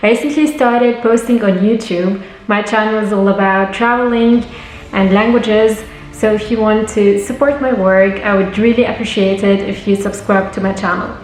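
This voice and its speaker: A woman's voice: mid-range voice, steady tone, moderate pace, roomy sound, faint music behind, low-quality recording. A young woman from Lebanon giving travel tips in a friendly, explanatory scripted vlog. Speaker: travel vlogger.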